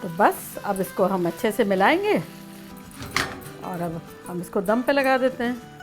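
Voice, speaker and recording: A woman with a mid-range, sing-song voice talks a little slowly as she hosts a home cooking demonstration, soft music in the background. Chatty and playful, she guides listeners through each step and sings bits of songs here and there.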